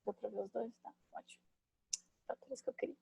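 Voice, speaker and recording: Mellow-voiced woman teaching an online class. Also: fairly high pitch, animated, fast, gravelly, muffled recording, slight background noise. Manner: chatty, thinking aloud, many fillers and tag questions. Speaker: French teacher. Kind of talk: online class, explaining grammar.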